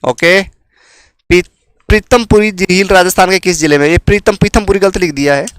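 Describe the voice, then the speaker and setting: A man's voice: high-pitched, moderate pace, smooth, no echo. A male teacher running an exam-prep quiz, repeating each question and making viewers guess before he gives the answer. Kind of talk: quiz-style exam coaching.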